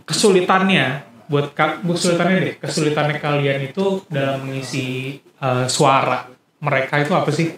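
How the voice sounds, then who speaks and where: Male moderator, upbeat, slightly high voice, echoey room. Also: fairly even intonation, normal speed, fairly bright tone. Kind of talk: reading out viewer questions.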